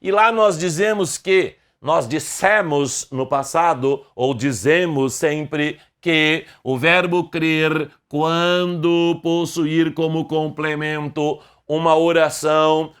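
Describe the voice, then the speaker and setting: A middle-aged Brazilian man teaching an online grammar lesson, slow and deliberate, asking his viewers question after question. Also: fairly high pitch, fairly bright tone, clean tone.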